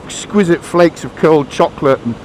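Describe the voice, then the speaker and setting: Waffly biker on a helmet mic. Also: male voice, on the high side, brisk, a little mellow, a little hiss or hum, poor audio. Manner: waffly, self-deprecating, many fillers. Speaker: motorcycle vlogger. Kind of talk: casual rambling chat. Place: riding a motorbike outdoors.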